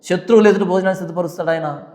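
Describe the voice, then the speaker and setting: A male pastor delivers a fiery Bible study sermon in a high, ringing voice. He scolds his listeners and drives each point home with a string of rhetorical questions. The sound carries the echo of a reverberant room. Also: racing, darkish tone. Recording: echoey room.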